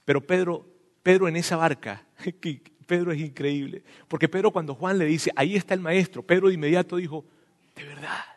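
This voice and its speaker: High-voiced man preaching in a hall. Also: fairly quick. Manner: animated preaching, acts out voices, swings from loud to hushed. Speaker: pastor. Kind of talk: sermon. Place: church hall. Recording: long reverb of a hall.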